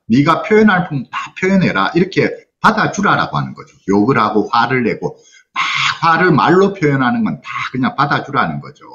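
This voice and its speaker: A man's voice: medium pitch, a bit bright, highs cut off. A man in his sixties, a psychologist, giving an earnest, explanatory online lecture to parents. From South Korea. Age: 60s. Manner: earnest, explanatory, quotes parents' words aloud. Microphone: lo-fi video call audio.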